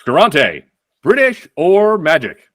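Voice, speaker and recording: A game show host runs a comedy trivia show in a dry, deadpan style. He speaks slowly, yet his pitch rises and falls lively. The recording sounds dry and close.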